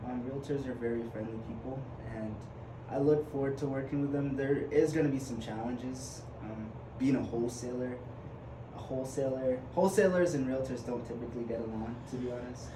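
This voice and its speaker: This is a brisk, medium-pitched male voice belonging to a 21-year-old from Uganda who's a guest on a podcast. He chats in a relaxed, unsure way, often stumbling with fillers and starting over. There's echo and background noise in the recording.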